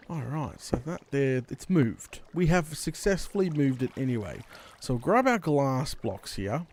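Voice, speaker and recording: An Australian man hosting a gaming video in casual commentary, rambling and thinking out loud in colloquial speech. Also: medium pitch. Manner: rambling, thinking aloud, with mild colloquial swearing. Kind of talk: casual Let's Play commentary. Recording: clear background noise, game clicks and water.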